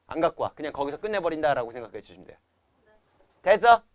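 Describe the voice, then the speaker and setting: A man's voice: a little high, sing-song, fast talker, no echo. A young man teaching science to a class, constantly checking understanding with quiz questions and chanting memory tricks. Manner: keeps quizzing students with repeated questions. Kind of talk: classroom lecture.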